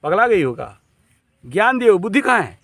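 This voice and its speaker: A man voicing a foolish, rough male devotee who talks crudely in a storytelling discourse. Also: sits high, big pitch swings, a little fast, fairly bright tone, heavily acted. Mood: pleading. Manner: crude, pleading.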